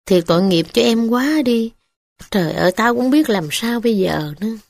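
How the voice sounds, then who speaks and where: A timid middle-aged village official, played by a woman reader speaks slowly and apologetically with a Southern Vietnamese accent. The sound is dry and close. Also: fairly high pitch, animated, vocal fry, a little mellow, dry recording. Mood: apologetic. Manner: pleading, slow, apologetic.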